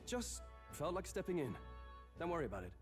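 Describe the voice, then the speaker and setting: A man's voice: on the high side, very animated, fairly quick, music in the background. An actor playing a proud, chivalrous young nobleman in a video game, speaking eloquently. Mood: casual, kind. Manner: eloquent, lofty. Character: proud, chivalrous young nobleman recruit, polite but defiant.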